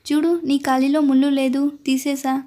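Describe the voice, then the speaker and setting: A playful young man who teases the queen he protects, read by a woman in her own voice. His lines sit high and come out even and level, with little rise or fall. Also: moderate pace, natural voice. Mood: teasing. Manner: teasing. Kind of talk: storytelling narration.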